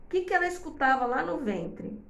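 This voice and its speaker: A woman's voice: high-pitched, very animated, fairly quick, vocal fry, fairly bright tone. A woman talking casually to mothers, explaining step by step and checking in often with her listeners. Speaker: host giving advice to mothers. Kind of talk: casual advice talk to viewers. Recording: echoey room.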